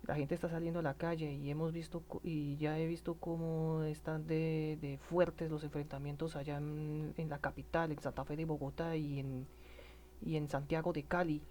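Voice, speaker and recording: A man from Colombia with a regional Colombian accent, speaking in a personal monologue, halting and stammering with many restarts, earnest and indignant. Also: on the high side, little pitch movement, warm tone, slight background noise. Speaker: citizen speaking about protests.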